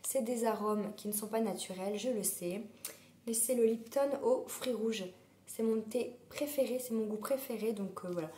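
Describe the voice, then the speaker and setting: A hoarse woman with a sore throat chats away in a fairly high, mellow voice, wandering between thoughts with plenty of fillers. Her voice rings in a roomy, echoey space. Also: normal speed. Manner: chatty, rambling, many fillers. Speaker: vlogger. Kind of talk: casual chat. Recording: roomy echo.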